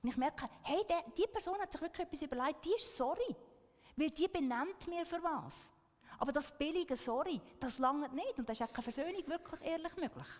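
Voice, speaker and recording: A woman's voice: sits high, expressive, fairly quick, big-room sound. A woman giving an earnest talk to an audience, often checking in with a questioning "right?". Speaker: speaker.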